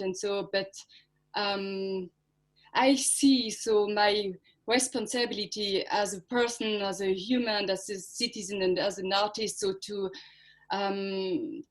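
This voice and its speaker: A Swiss artist presenting her project at a symposium over a video call speaks English as a non-native language in a mid-range voice. She is hesitant and halting, with many fillers and restarts, and partly reads from a prepared text.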